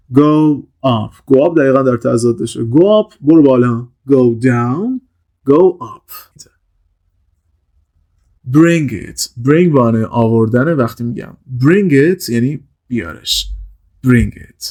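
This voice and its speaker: A man runs a casual English lesson, his voice sitting at an ordinary middle pitch. He stretches out each English phrase slowly and clearly. Then he explains it in quicker, relaxed chatter. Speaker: English teacher.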